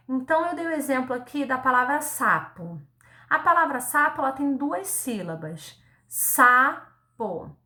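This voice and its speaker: A woman teacher giving a recorded lesson to young children, speaking slowly and patiently, sounding words out syllable by syllable and checking in with a frequent "tá?". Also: high voice, sharp tone, echoey room. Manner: ends phrases with a checking "tá?". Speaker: primary school teacher.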